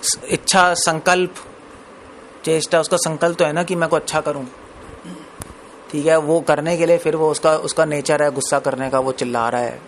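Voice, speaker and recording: A man's voice: on the high side, steady tone, normal speed, a little hiss or hum. A man preaching a scripture discourse in a conversational way, mixing in English words and laughing between points.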